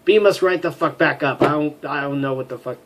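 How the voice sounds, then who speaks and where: A man's voice: on the high side, brisk, slight background noise, low-quality recording. A man reading through a game as a let's player, with profane, self-mocking comic asides. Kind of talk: comedic game commentary.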